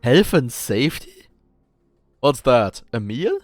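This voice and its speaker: A man's voice: mid-range voice, very animated, takes it slowly, no echo, soft background music. A German man with a German accent, streaming a building game and chatting casually, laughing often and swearing at himself. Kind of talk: casual chat while playing.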